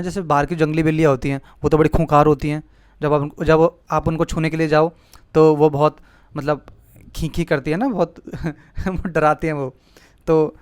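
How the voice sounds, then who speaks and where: A man's voice: on the high side, clear, resonant tone, dry recording. A man teaching vocabulary with memory tricks, explaining patiently and often checking with "ठीक है?". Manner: explanatory, repeats words, asks "ठीक है?". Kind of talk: mnemonic vocabulary lesson.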